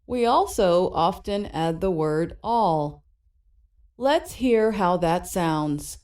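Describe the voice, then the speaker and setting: A woman narrating an English lesson in a slow, clear teaching manner. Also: fairly low pitch, expressive, darkish tone. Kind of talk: scripted educational narration.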